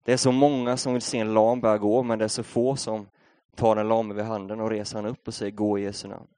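A man's voice: lowish voice, little pitch movement, mellow, clean tone, no echo, clean studio sound. A young Swedish man preaching a sermon, telling a story in a casual, conversational way before building up to a rousing appeal. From Sweden.

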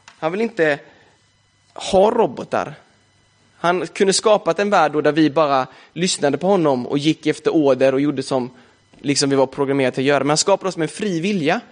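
Young male preacher with a slightly high voice, easygoing and chatty from the pulpit. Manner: casual conversational preaching, frequent filler "liksom". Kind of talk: sermon.

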